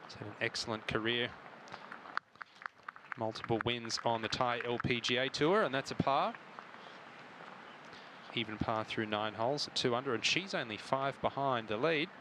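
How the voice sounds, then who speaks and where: A man's voice: medium pitch, moderate pace, pauses often, background noise. A man giving live television golf commentary as a commentator.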